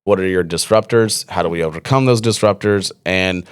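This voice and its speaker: A man's voice: low-pitched, fairly quick, clean tone. A man hosting a podcast interview, talking casually and rambling with many fillers and restarts. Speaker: podcast host.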